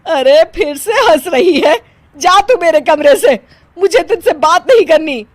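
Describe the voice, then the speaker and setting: A woman voicing a middle-aged mother-in-law in a cartoon, fond of her daughter-in-law but quick to scold her. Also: medium pitch, expressive, a little mellow, breathy edge, no room sound. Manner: scolding, exasperated.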